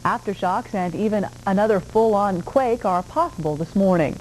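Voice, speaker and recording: A woman's voice: medium pitch, moderate pace, darkish tone, slight background noise, low-quality recording. A woman anchoring a local television news brief from a script.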